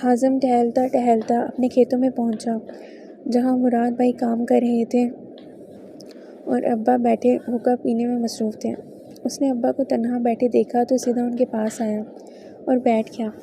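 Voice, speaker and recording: A woman reading a novel aloud as narrator, with a steady, even pace. Her voice sits a little high but sounds very dark and mellow, with a flat, level melody. A faint hiss sits under the recording. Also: creaky, rough recording. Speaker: audiobook narrator.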